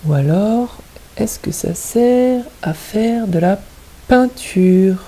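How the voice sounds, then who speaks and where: A woman's voice: mid-range voice, expressive, slow, dark tone, poor audio. A woman teaching kindergarten children, patiently stressing each word and syllable. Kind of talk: teaching young children at home.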